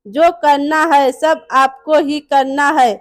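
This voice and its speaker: A woman's voice: high-pitched, fairly even intonation, slow, dry recording, clean studio sound. A woman voicing a blunt young man, the husband and son, in a storybook tale. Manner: blunt, curt.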